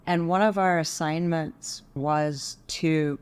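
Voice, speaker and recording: A woman's voice: low-pitched, fairly even intonation, takes it slowly, darkish tone, clean tone. A middle-aged woman from Texas, talking thoughtfully and measuredly as a podcast guest. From Texas, USA. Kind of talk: reflective interview talk.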